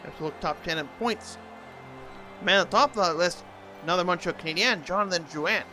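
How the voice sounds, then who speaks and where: A man's voice: high voice, a little fast, sharp tone, faint music behind. A man doing hockey play-by-play commentary in an imitation of a TV sports announcer.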